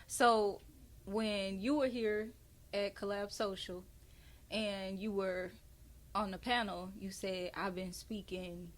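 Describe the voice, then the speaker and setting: A woman's voice: mid-range voice, fairly even intonation, slow. A woman hosting a podcast, chatting casually and telling her own story expressively. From Houston area. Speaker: podcast host. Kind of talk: casual interview chat.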